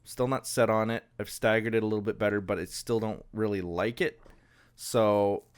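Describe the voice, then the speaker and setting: Stuffed up with a sinus infection, this let's-play host gives laid-back commentary on a Minecraft server. His lowish voice stays clear and resonant, though he keeps hesitating, saying um, and starting over.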